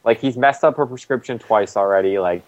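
A man's voice: medium pitch, a little fast, no room sound, dull audio. A man co-hosting a casual TV recap chat, talking loosely with lots of "like" fillers. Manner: loose and rambling, many "like" fillers. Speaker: podcast co-host.

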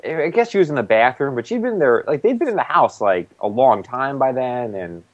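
A man chats casually about a TV episode, his pitch swinging up and down as he rambles with plenty of fillers. The recording is dry and a bit dull, with little room sound. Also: expressive, fairly quick, dry recording. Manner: loose and rambling, many "like" fillers. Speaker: podcast co-host. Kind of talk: casual TV recap chat.

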